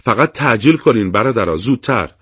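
A man's voice: medium pitch, animated, fairly bright tone, breathy edge, no echo, studio quality. A man voicing a worried male commander in an audiobook war story, urging his men to hurry. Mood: urgent. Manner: urgent, insistent.

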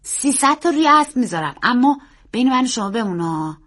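A woman's voice: sits high, pitched above the performer's own voice, full character voice. A woman voicing an earnest, secretive young boy who talks in an urgent, pleading way. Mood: eager. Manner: urgent, pleading, quick and excited.

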